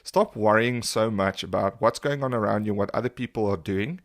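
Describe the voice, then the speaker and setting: A man with a fairly low voice talks in a dry, close-sounding space. He speaks as a self-help influencer and podcast co-host, chatting casually, candid and encouraging. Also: normal speed, no room sound.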